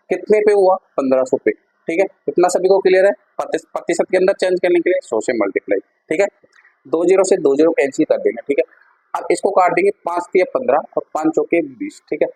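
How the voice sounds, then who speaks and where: A male maths teacher talks students through a lesson one step at a time. His voice is a little husky and sits slightly high. He stops often to check that the class is following. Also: low-quality recording. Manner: repeats steps, keeps checking in with students.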